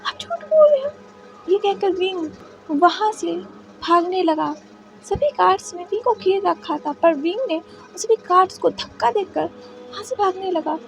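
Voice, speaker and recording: A woman's voice: very high-pitched, measured pace, gravelly, soft background music, poor audio. A woman narrating a fan fiction story in a dramatic retelling. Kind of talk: fanfiction narration.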